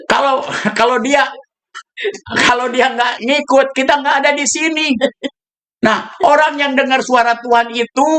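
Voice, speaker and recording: A male pastor preaching a sermon, telling stories with sudden shouted bursts and dropping English phrases into his talk. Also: extremely high pitch. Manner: storytelling with shouted bursts and laughs.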